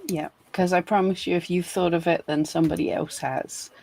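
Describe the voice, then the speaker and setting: A woman with a Scottish accent co-hosting a live webinar in casual chat, quick with asides and laughing often. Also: fairly low pitch, fairly even intonation, gravelly, darkish tone, rough recording. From Scotland. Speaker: webinar co-host.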